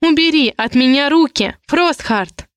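A woman voicing a flustered young heroine, high and breathless. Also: unhurried, no echo. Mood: defiant. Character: young woman, shy but fiery heroine.

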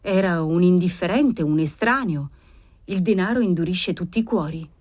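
A woman narrating a classic novel as an audiobook, in a measured, expressive reading. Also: fairly low pitch. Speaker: audiobook reader.

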